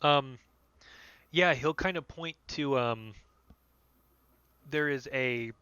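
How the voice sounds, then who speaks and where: A man narrating a tabletop game as game master, loose and descriptive with a bright, forceful tone. His voice is close and dry on slightly dull podcast audio. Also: medium pitch, slow, clean tone, no room sound.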